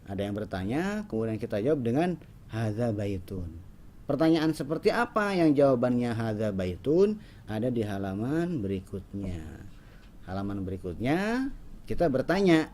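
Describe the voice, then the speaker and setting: A man's voice: mid-range voice, normal speed, a little hiss or hum. Man teaching Arabic grammar. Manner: explanatory, lively intonation, frequent "ya" and "nah". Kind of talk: classroom lesson.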